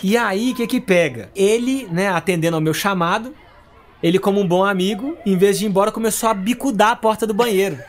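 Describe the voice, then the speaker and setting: A man's voice: high voice, a little fast, noisy background. Brazilian man telling a comic story. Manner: animated, acts out quotes, laughs often. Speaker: podcast guest telling a story.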